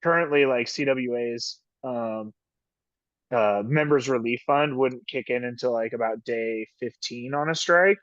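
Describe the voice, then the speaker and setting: A man's voice: mid-range voice, dry recording. Rambling man on a dull call. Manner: rambling, filler-heavy, frequent "like", laughs often. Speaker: ski patroller and union officer. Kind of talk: casual interview chat. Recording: dull dry lo-fi call audio.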